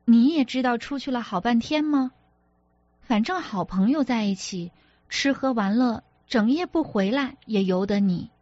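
A woman's voice: a little high, moderate pace, no room sound, highs cut off, natural voice. A woman reader voicing a petulant, jealous young wife who talks in a reproachful, sulky way, as an audiobook character. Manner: reproachful, sulky, sharp-tongued.

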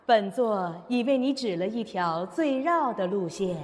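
A woman playing an imperious bodhisattva goddess as a comic navigation voice, pompous and drawn-out. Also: medium pitch, expressive, long reverb tail, background noise, natural voice. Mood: solemn, amused. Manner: pompous, slow, drawn-out delivery. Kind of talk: comedy sketch stage acting.

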